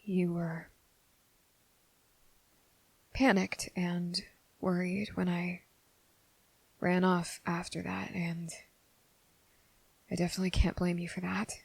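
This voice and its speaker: A woman plays the lead in an ASMR roleplay aimed at the listener: a nervous, earnest, gentle young male trainee confessing his feelings. The performance is heavily acted, with a soft, breathy voice that slips into whisper, very even pitch, and a halting, hesitant manner that often pauses mid-sentence. The mood is tender and careful, and the sound is close and dry.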